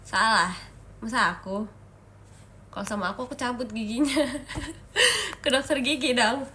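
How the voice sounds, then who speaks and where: A woman's voice: on the high side, moderate pace, pushed and bright, a little hiss or hum. A young woman hosting a casual livestream chat, playful and giggly, teasing her viewers while sick with a cough and a stuffy nose. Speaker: idol livestream host.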